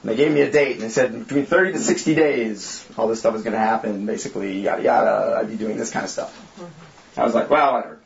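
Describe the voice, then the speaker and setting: This young man leading a church group talks fast in a low, steady voice with vocal fry, giving an honest, self-mocking informal sermon and voicing the people he quotes. The echoey room makes the sound dull and lo-fi, with a little hiss or hum.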